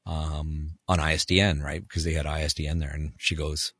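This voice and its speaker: Low bright-voiced guy telling stories, mimics people, super dry studio mic. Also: little pitch movement, moderate pace, husky, no room sound. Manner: acts out other people's voices with big pitch jumps. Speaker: voice actor guest. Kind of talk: animated anecdote telling.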